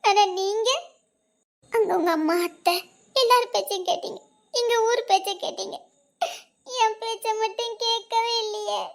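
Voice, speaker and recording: A woman's voice: very high-pitched, fairly even intonation, unhurried, creaky, long pauses, slight background noise, heavily acted. A woman voicing a wounded young wife who speaks in a tearful, bitter, accusing way in a spoken drama. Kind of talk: Tamil audio drama acting.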